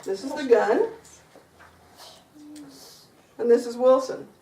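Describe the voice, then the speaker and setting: A woman's voice: a little high, fairly quick. A woman giving an informal presentation on family history to relatives, chatty and explaining with little jokes. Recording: echoey room from far off with background noise.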